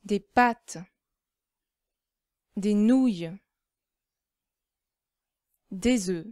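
A woman reads vocabulary aloud for learners at a very slow, deliberate pace, leaving long gaps between words. Her voice sits at a medium pitch and sounds dry and close, with no room around it. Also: warm tone, no echo. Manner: reads isolated words and phrases with pauses. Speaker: language teacher.

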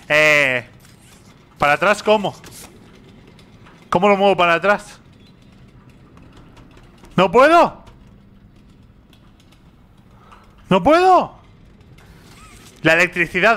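A man's voice: fairly high pitch, animated, normal speed, long pauses, bright, forceful tone. A young man from commentating a horror game, nervous, repeating phrases and talking to himself. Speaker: gaming youtuber.

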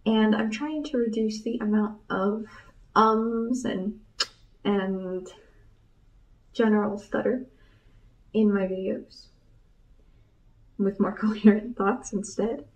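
Speaking slowly with frequent pauses, a young adult American woman chats casually as a video host in a library study room. Her mid-range, darkish voice has fairly even intonation and is kept low but not whispered. A mask slightly muffles her, and the camera across the table captures her from a distance.

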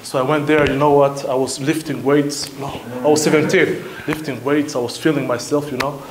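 A man's voice: on the high side, a little fast. Laughing young man telling a comic story. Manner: animated, laughs often, acts out quoted lines. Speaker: club member giving a humorous speech. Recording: echoey room with loud background noise.

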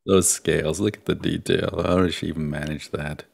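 A man with a very low, gravelly voice and a husky edge chats casually as host of an online drawing session. He jokes at his own expense and laughs easily, speaking close to his mic. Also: steady tone, moderate pace. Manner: chatty, self-mocking, laughs easily. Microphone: close desk mic, wearing headphones.

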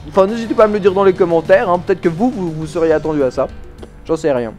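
A man's voice: sits high, quick pace, darkish tone. A man giving chatty, self-mocking let's play commentary, stumbling over his words and restarting. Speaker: gaming YouTuber. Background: faint game music.

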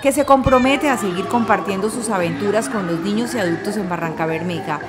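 A woman reporter reading a scripted news voice-over in an upbeat, even manner. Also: medium pitch, fairly quick, crowd noise. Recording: music bed behind voice-over.

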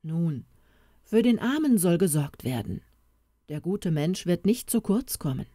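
A woman voicing a kindly, wealthy middle-aged uncle who speaks calmly and reassuringly in an audiobook. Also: on the low side, a little slow, dry recording, studio quality.

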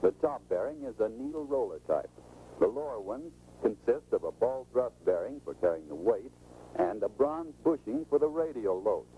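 This sales training film, done in the manner of the 1940s, is narrated by a middle-aged American man who is an automotive expert. He speaks in a mid-range voice at normal speed, very animated, scripted, instructive and salesmanlike. The old soundtrack sounds phone-quality, with slight background noise.

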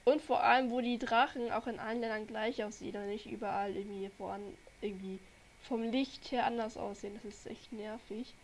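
This gaming channel host is a young woman from Germany, nursing a cold as she plays and rambles chattily to her viewers. Her voice is a little high and steady in tone, moving a little fast. The casual commentary comes through a desk microphone with slight background noise.

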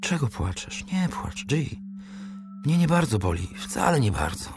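A man voicing a gentle, hurt young circus strongman who speaks softly and tenderly to a crying girl. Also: medium pitch, big pitch swings, measured pace, voice pushed up. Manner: soft, hushed, tender. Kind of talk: audiobook character voice.

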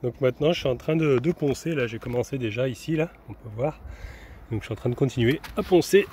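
A man's voice: medium pitch, quick pace, a little mellow, slight background noise. Chatty man narrating a DIY build. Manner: chatty, many fillers and restarts, talking while working. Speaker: vanlife vlogger. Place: workshop and camper van roof, outdoors.

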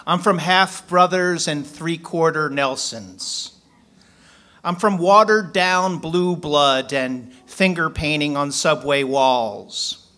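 A Philadelphia poet in his forties reads his work from paper at a stand mic on a small club stage, then tells a story. His voice is fairly high, bright and forceful.

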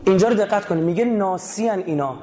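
A man from Iran giving an animated religious lecture to a live audience, asking rhetorical questions and explaining words one by one. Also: high-pitched, slight background noise. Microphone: recording his own lecture.

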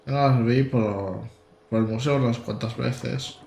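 A man's voice: mid-range voice, fairly even intonation, unhurried, creaky, a little mellow, roomy sound. Joking Spanish streamer man in his 30s. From Spain. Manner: joking and rambling, with stammered restarts and bursts of laughter. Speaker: gaming streamer. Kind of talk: casual live-stream chat while playing a train simulator.

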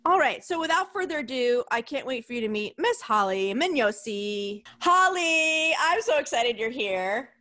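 A woman hosting a casual podcast interview, chatty and quick to laugh, with casual swearing. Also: high-pitched, big pitch swings, pushed and bright. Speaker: podcast host.

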